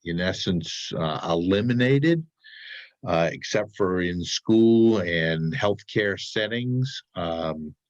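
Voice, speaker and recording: Low-voiced man with a stuffy nose. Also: lively intonation, dry recording. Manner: halting, searching for words. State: stuffy, congested blocked nose. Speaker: town administrator presenting to a board. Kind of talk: explanatory public meeting report. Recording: dull, muffled meeting audio.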